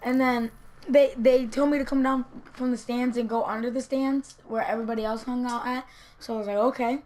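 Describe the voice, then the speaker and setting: Teenage vlogger, higher pitch, animated storytelling, clear background noise. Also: female voice, fairly quick. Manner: animated, acts out quotes. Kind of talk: casual storytelling.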